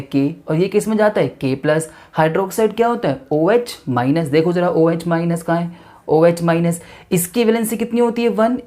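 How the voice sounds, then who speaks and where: A male teacher works through a chemistry lesson. His tone is mellow and warm. He keeps posing quick questions to his students and then answers them himself. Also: high voice.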